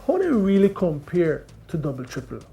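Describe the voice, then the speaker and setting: A woman's voice: on the low side, huge pitch swings, normal speed, dark tone, muffled recording. A woman playing a customer in a scripted ad, asking plain questions. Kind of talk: scripted ad dialogue.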